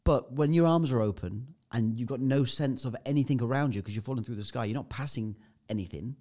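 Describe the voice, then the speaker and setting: A man's voice: medium pitch, fairly quick, warm tone. A man, a podcast guest, telling a vivid anecdote in casual chat and swearing freely. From United Kingdom.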